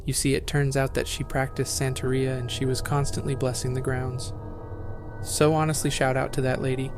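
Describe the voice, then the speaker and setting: Flat-voiced male horror story narrator. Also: medium pitch, normal speed, over music. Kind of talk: scripted narration of horror stories.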